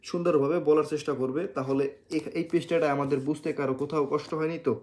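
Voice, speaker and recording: A man teaching beginners Italian, drilling syllables slowly one by one and explaining patiently, repeating so they remember. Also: a little high, fairly even intonation, a little mellow. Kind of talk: beginner language lesson.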